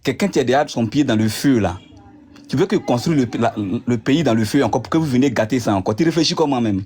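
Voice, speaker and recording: A man's voice: medium pitch, lively intonation, fast, a little mellow, husky. Insistent man arguing politics. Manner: insistent, talks over opponent, repeats phrases. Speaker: debate participant. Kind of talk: heated political argument.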